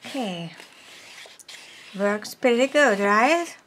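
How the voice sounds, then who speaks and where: A woman hosts a casual papercraft tutorial at an indoor craft table under an overhead camera, her voice a little high, expressive and fairly bright. She talks slowly, step by step, dropping to a whisper while she works, with slight background noise.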